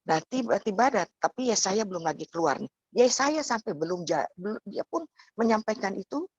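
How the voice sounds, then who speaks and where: A woman's voice: mid-range voice, expressive, fairly quick, a little mellow, slightly rough, no room sound, dull audio. A woman preaching a sermon in a conversational way. She often tags her phrases with a questioning "ya" and speaks straight to the congregation.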